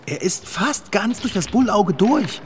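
Ein Mann spricht Fahrradschrauber, den ängstlichen Kumpel. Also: male voice, high voice, big pitch swings, unhurried, slight background noise. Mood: anxious. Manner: anxious, easily startled. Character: timid, jumpy male sidekick.

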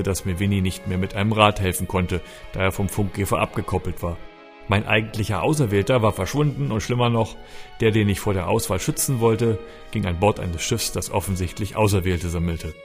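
A man's voice: fairly low pitch, fairly quick, gravelly. A man reading a story aloud, narrating expressively and with urgency. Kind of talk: audiobook narration. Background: faint music.

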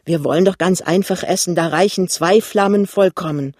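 Ein Mann liest eine eifrige, praktische junge Ehefrau in einem Hörbuch, mit nachdrücklichen, steigenden Fragen. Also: male voice, high-pitched, normal speed, a little mellow, dry recording, studio quality. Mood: insistent. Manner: insistent, rising emphatic questions. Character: young woman, earnest and practical newlywed. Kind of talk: audiobook reading.

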